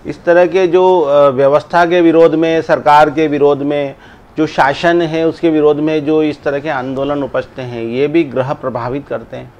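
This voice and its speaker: A man's voice: fairly high pitch, steady tone, moderate pace, a little mellow, highs cut off. A man hosting an interview, asking formal, probing questions of his guest. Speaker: interviewer host.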